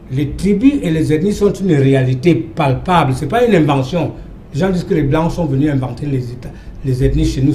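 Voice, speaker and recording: A man's voice: a little high, mellow, reverberant, a little hiss or hum. An older professor from Cameroon arguing emphatically as a guest on a televised panel debate, often repeating his phrases. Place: TV studio.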